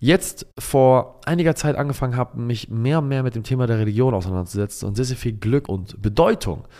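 A man's voice: medium pitch, fairly quick, warm tone. A man speaking reflectively in a personal storytelling podcast, often searching for words and repeating himself.

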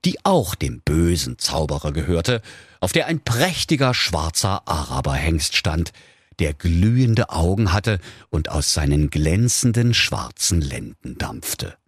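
A man reading a comic fairy tale aloud with a slow, deadpan delivery. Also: sits low, breathy edge, no echo, studio quality. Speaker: storyteller.

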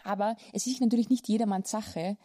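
A woman's voice: mid-range voice, fairly even intonation, a little fast, mellow, no echo, studio quality. A young Austrian woman hosting a casual podcast chat, blunt and rambling, swearing freely. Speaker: podcast host.

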